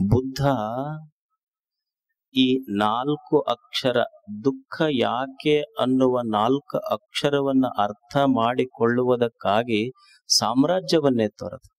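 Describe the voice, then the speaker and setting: A man's voice: mid-range voice, slow pace. A man with a North Karnataka Kannada accent giving a sermon as a swamiji, asking rhetorical questions and repeating his phrases. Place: discourse series in a town.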